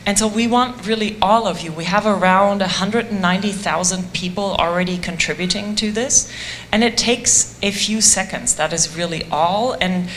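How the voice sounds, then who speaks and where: A woman's voice: mid-range voice, normal speed, a bit bright, a little hiss or hum. Enthusiastic woman speaking on a panel. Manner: enthusiastic, self-deprecating. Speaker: panel speaker on open source voice project. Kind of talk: conference panel talk.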